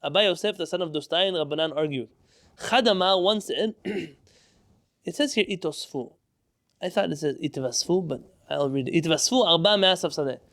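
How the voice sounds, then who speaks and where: A man leads a Talmud lesson with a somewhat raised pitch, working through each passage step by step. He often poses a question to the class and then answers it himself. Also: normal speed, a bit bright. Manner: explains step by step, asks and answers own questions. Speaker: Torah class teacher.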